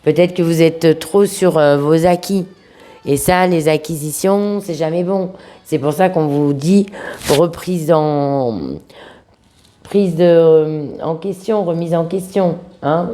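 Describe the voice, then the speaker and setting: A woman with a sick-sounding voice giving an informal tarot reading to viewers, speaking familiarly and affectionately, with halting pauses. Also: low voice, warm tone. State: sick-sounding voice, under the weather. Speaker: tarot reader, host of a video channel.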